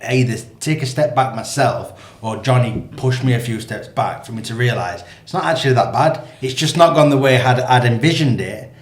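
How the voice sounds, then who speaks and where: A man's voice: mid-range voice, normal speed, hardly any pauses. Easygoing man hosting. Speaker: podcast host. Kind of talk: casual podcast chat. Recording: roomy echo.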